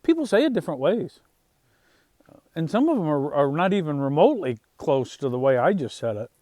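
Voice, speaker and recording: A man talking casually to his viewers about the harvest and farm life, in an unhurried, halting way with plenty of fillers and restarts. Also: fairly high pitch, big pitch swings, mellow, dry recording. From Northwest Indiana, USA. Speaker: farm vlogger. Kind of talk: casual rambling monologue.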